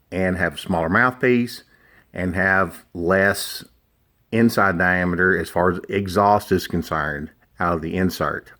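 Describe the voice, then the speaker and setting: Man, middle-aged, slightly low pitch, very slow pace, deliberate, emphatic, opinionated, informal demonstration. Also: bright, forceful tone. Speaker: duck call maker. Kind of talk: informal product explanation and demonstration.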